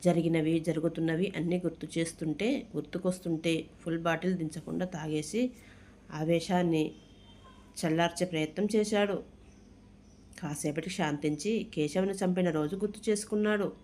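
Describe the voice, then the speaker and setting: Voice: medium pitch, fairly even intonation, moderate pace, a little mellow, slight background noise. A storyteller reading a dramatic storybook tale aloud. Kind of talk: scripted storybook narration.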